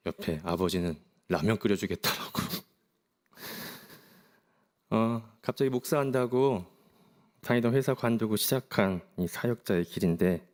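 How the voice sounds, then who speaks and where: A middle-aged man from South Korea, a pastor preaching a sermon in a gentle, reflective storytelling manner. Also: low voice.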